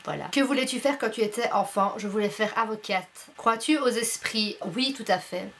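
A woman's voice: a little high, normal speed, fairly bright tone, slight background noise. A young woman from Belgium, chatting bluntly and playfully as she answers a casual vlog questionnaire from her bedroom, full of fillers. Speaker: YouTuber.

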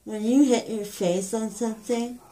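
A young woman, dazed and groggy, rambles in casual chat while coming out of anesthesia, lying on a pillow in a small indoor room. Her voice is a little high and dark-toned, with fairly even intonation and a moderate pace. The rough recording comes from a phone held near but off to the side of her.

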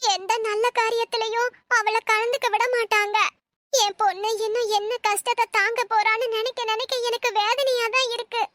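A woman's voice: extremely high pitch, a little fast, pushed and bright. A woman voicing a worried, emotional middle-aged mother in a Tamil cartoon, pleading and tearful in how she talks. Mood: grieving.

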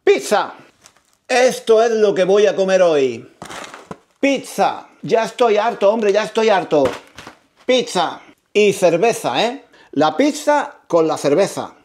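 A high-pitched man from teaches in a theatrical, playful way. He repeats his phrases over and over and leans hard on key words. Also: sing-song, slow pace, a little mellow. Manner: repetitive, emphatic, theatrical. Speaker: Spanish teacher.

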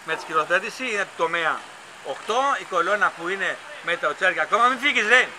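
Chatty man vlogging outdoors, site noise. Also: high-pitched. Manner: chatty, rambling, enthusiastic fan talk. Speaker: vlogger filming a stadium construction site. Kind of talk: casual on-site vlog narration. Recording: loud construction site noise.

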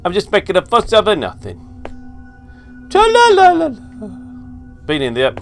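A man's voice: on the high side, very animated, fast, a bit bright, soft background music. A man commentating a horror game playthrough, jumpy, sweary and joking to himself. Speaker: gaming video host.

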